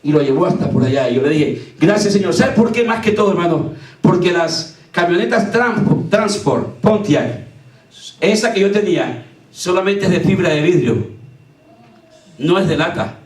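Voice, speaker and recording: A man preaching a fervent sermon as pastor, often shouting as he tells personal stories. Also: sits high, lively intonation, normal speed. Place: church sanctuary. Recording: echoey church from far off.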